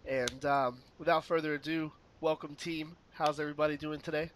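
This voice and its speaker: A man hosting a relaxed podcast chat while getting over a cold, easygoing and joking with lots of fillers. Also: a little high, fairly quick, a little hiss or hum. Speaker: podcast host.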